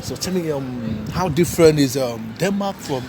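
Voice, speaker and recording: A man doing a casual street interview outdoors, asking quick upbeat questions. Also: a little high, animated. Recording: outdoor street noise with traffic.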